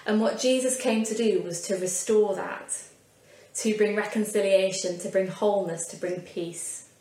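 A woman with a Yorkshire accent preaches a sermon in a mid-pitched voice. She talks in an earnest, conversational way and drops in light asides. Her voice rings in a roomy, echoing space. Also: fairly even intonation, moderate pace, warm tone. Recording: roomy echo.

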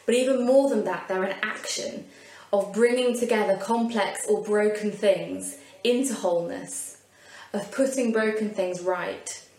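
A woman's voice: mid-range voice, unhurried, darkish tone. Earnest woman preaching in an echoey room. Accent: Yorkshire. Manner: earnest and conversational, with light asides. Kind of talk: sermon. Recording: roomy echo.

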